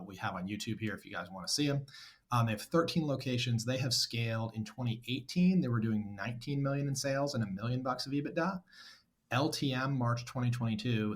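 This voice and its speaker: A man co-hosting a podcast, reading out a deal summary in an upbeat, conversational way. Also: medium pitch. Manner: upbeat, reads figures aloud conversationally. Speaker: podcast co-host. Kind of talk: casual podcast chat, reading deal notes.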